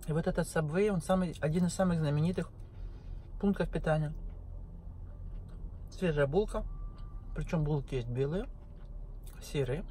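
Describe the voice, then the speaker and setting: A woman's voice: sits low, moderate pace, pauses often, dark tone, a little hiss or hum. A woman chatting casually in a mukbang vlog, talking with her mouth full and humming over her food between bites. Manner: savoring, murmuring "mm" between bites. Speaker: mukbang vlogger. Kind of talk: casual chat while eating.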